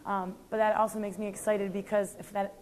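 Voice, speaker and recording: A woman's voice: medium pitch, level tone, a little fast, a little mellow, a little hiss or hum. A young woman, a CrossFit athlete, giving earnest interview answers with frequent ums and restarts.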